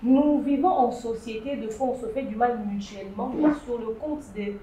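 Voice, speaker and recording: Lady chatting on a show panel, lively and laughing, roomy echo. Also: on the high side, moderate pace. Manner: lively, laughing, rising to emphatic bursts. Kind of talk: casual chat show commentary. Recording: echoey room with faint noise.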